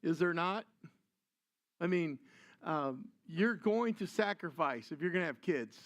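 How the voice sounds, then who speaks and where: An older man preaching a sermon, telling a family story with animated voiced asides. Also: on the high side, a little slow. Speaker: pastor.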